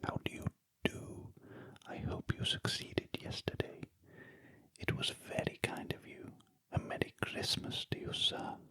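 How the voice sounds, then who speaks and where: A British man voicing a reformed, courteous old Victorian gentleman in a gentle, breathy whispered role-play for a storybook reading. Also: measured pace, no echo. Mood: warmly eager. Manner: polite, old-fashioned, gentle.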